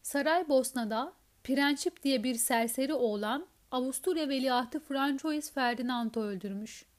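Gruff teasing old general, read in a woman's high voice. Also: a little slow. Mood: blustering. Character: elderly retired army general, gruff and teasing.

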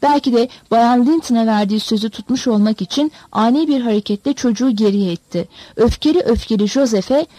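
A woman narrating a novel in a measured, expressive storytelling manner. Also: on the high side, no room sound. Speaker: audiobook narrator.

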